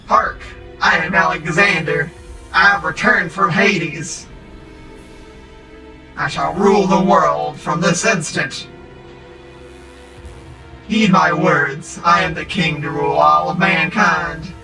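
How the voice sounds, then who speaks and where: Woman through a voice changer voicing male undead conqueror king, voice changer effect, grandiose, archaic, slow, echoey, distant from the mic. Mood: commanding. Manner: grandiose, proclaiming, archaic speech. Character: arrogant male conqueror king returned from the dead. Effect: voice changer lowering the voice. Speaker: game narrator voicing characters. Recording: echoey distant voice over loud scary music.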